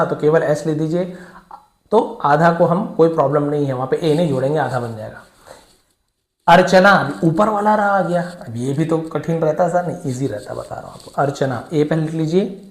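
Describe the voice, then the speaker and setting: A man's voice: on the high side, normal speed. A male teacher explaining spelling step by step, patient and repetitive, voicing his students' questions himself. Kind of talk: classroom-style lesson. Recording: echoey room.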